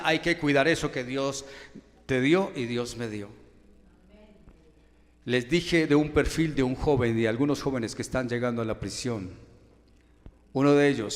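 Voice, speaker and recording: A man with a Colombian accent preaching a sermon as pastor, asking many rhetorical questions, his loudness rising and falling. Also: a little high. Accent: Colombian Spanish. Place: church hall. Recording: long church hall reverb.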